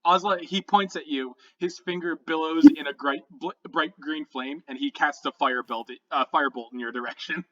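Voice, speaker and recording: A man working as game master, narrating a dark tabletop adventure in an ominous, deliberate storytelling manner. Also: a little high, distant mic, muffled recording.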